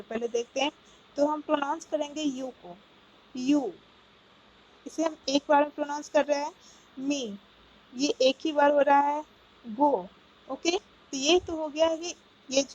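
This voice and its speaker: A woman's voice: high-pitched, muffled recording. A woman teaching a grammar lesson, explaining step by step and often checking with "okay, got it?". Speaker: English teacher.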